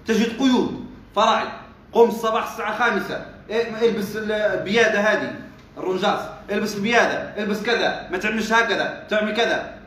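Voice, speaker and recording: A male religious teacher comments on a classical text, explaining it step by step, quizzing his students and dropping dialect asides into formal speech. His voice is high and fairly bright, with a little hiss or hum in a very echoey room.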